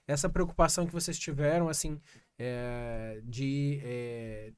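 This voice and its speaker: A man's voice: medium pitch, steady tone, unhurried, darkish tone, clear, resonant tone. Affirming man hosting a podcast. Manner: affirming, hesitant with many fillers. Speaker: podcast host. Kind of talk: casual podcast conversation.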